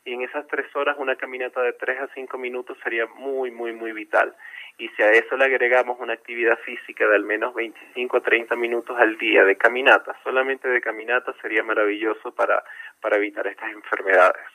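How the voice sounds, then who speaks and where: A man with a bright, forward voice, speaking as a doctor on a radio interview. He explains things patiently and goes back over his points to make them plain. The sound comes through a radio broadcast. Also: mid-range voice, flat delivery, quick pace, poor audio. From not from Chile. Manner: patient, explanatory, repeats himself to be clear. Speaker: medical doctor guest.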